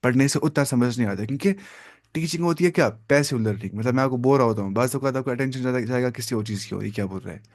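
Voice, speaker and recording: A man's voice: mid-range voice, racing, no echo, clean studio sound. A man teaching a biology lecture in mixed Hindi and English, posing questions and answering them himself, stopping to give students advice. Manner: stops to advise students between points. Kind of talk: exam-prep lecture.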